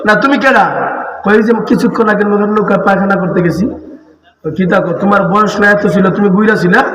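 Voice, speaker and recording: A man's voice: sits high, a little fast, fairly bright tone, slight background noise. A man, preaching a sermon in a chanting, rhythmic style and calling out to the crowd at a large outdoor gathering. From Bangladesh. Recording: echoey far-off PA recording with crowd.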